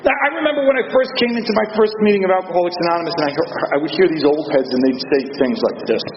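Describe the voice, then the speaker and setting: A man's voice: sits high, rapid-fire. A man giving a candid, rambling personal testimony at a recovery meeting, stammering and laughing often, his voice rising sharply when worked up. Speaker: speaker sharing his recovery story. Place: meeting room. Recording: roomy hall, dull lo-fi sound, noisy.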